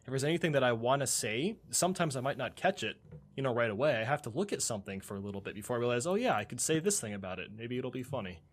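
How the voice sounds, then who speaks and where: A man in his early twenties chats casually and gives blunt advice. His pitch moves around a lot as he talks. His voice sits in an average range. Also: rapid-fire. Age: 20s. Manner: lively, casual, frank advice. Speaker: podcast co-host. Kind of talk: casual podcast chat.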